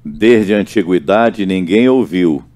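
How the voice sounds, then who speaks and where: A man's voice: low voice, expressive, measured pace, a little mellow. A man, a pastor hosting a radio show, reading a verse aloud and chiming in with short replies.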